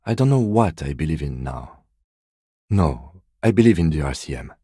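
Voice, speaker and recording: Voiced with an extremely deep, soft-edged and slightly rough tone, a reserved middle-aged detective from a video game comes across as earnest and reserved despite a very animated, exaggerated performance. Dry, close recording captures his formal, measured phrasing and understated principled restraint.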